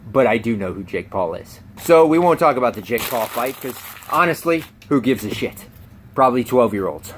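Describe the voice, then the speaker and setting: A man rants through silly news stories with biting sarcasm, laughing at his own punchlines. His voice sits high for a man and swings widely in pitch. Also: fairly bright tone. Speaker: YouTube host. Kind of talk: comedic news rant.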